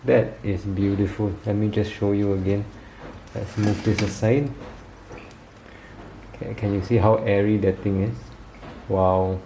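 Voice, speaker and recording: A man casually demonstrating and reviewing a bread maker in his home kitchen, relaxed and chatty with lots of fillers. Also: lowish voice, a little slow, pauses often. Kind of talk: casual demo vlog. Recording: echoey kitchen with faint background noise.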